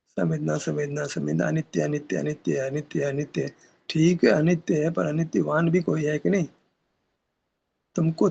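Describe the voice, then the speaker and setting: A man gives a spiritual discourse at a meditation session, challenging his listeners with rhetorical questions and casual asides. His voice is heavily gravelly and husky and sits a little high. The recording is dull and lo-fi. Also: a little mellow. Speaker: spiritual teacher.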